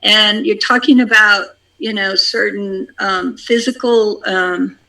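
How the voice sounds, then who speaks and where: This speaker talks very slowly and halts often, filling the gaps with ums and repeating phrases. The tone is bright and forward, and the words are shared with a spiritual discussion group. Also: mid-range voice, steady tone, vocal fry, low-quality recording. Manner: halting and unhurried, with many ums and repeated phrases. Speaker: community member sharing a practice.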